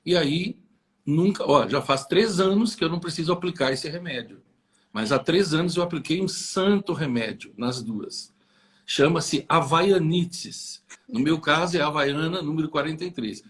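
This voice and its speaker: A man's voice: a little high, moderate pace, fairly bright tone. Blunt Brazilian man giving firm advice. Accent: Brazilian Portuguese. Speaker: co-host giving parenting tips. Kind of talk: casual chat to camera.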